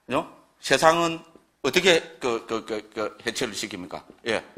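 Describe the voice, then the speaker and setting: A man's voice: mid-range voice, expressive, moderate pace, fairly bright tone. A middle-aged man with a Gyeongsang Korean accent lecturing a class on early Buddhist scripture, talking conversationally and often asking the listeners for agreement.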